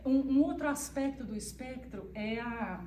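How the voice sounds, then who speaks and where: A woman talking informally to a church group, soft and even in tone. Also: a little high, moderate pace, slight background noise. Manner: soft, even-toned, speaks of her monotone voice. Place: church hall. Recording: echoey room, far from the mic.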